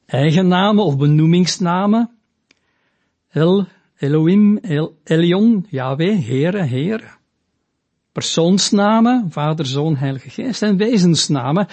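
Man preaching, husky and fairly high-voiced, slow emphatic delivery. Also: expressive, a little mellow. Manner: slow, deliberate and emphatic, with rising quoted lines. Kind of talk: sermon teaching on scripture.

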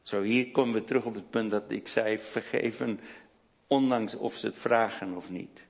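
A man preaching a sermon, speaking slowly and deliberately, with hesitations and restarts. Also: on the low side, fairly even intonation, gravelly. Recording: long hall reverb.

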